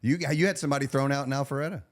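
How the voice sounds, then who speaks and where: A man's voice: medium pitch, racing. A man, a comedian who emcees, chatting bluntly on a comedy podcast. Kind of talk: casual chat.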